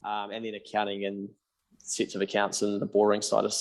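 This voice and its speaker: Kiwi guy in his 30s yarning on a podcast, bit low voiced, swears a fair bit, acts out what people said. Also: monotone, fairly quick, darkish tone. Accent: New Zealand. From New Zealand. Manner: candid, swears casually, acts out his own past dialogue. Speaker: podcast guest, accountant and business founder. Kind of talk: casual storytelling chat.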